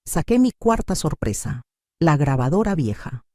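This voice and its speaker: Older woman, lively dramatic storyteller. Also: low voice, moderate pace, dry recording, studio quality. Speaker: narrator. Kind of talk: first-person storytelling.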